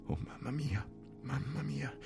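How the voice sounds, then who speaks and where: A dying soldier wailing in agony. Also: male voice, measured pace, vocal fry, music in the background. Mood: anguished pleading. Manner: strained high pleading cries. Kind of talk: dramatic audiobook reading.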